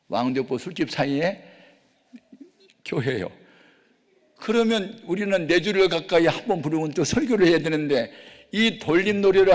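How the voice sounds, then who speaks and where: An older man preaching a sermon as a pastor, telling a personal story with animated storytelling and acted-out dialogue. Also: on the high side. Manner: animated storytelling, acting out dialogue with shouts and hushed asides. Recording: long hall reverb.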